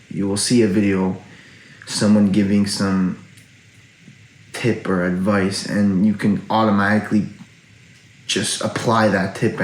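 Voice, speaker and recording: A pensive man musing aloud in a casual, reflective late-night monologue to viewers. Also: lowish voice. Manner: casual, frequent swearing. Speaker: online video creator. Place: indoor room at night. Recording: roomy indoor echo.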